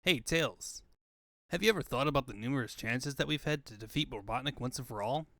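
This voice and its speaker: A man voicing a cocky, heroic young cartoon hedgehog with a brisk, confident delivery for a comic fan dub. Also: mid-range voice, a bit bright, dry recording, clean studio sound, close to an everyday voice. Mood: breezy.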